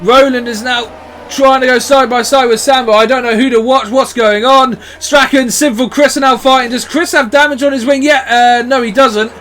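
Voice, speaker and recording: A man commentating live on motor racing as a motorsport commentator, in an excitable, exclamatory way. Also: very high voice, moderate pace, slight background noise.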